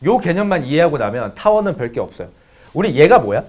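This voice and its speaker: A man's voice: on the high side, big pitch swings, fast, a little mellow. A man teaching math to students, mixing a blunt, profanity-laden personal story into a casual lecture. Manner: blunt, swears freely, talks straight to students.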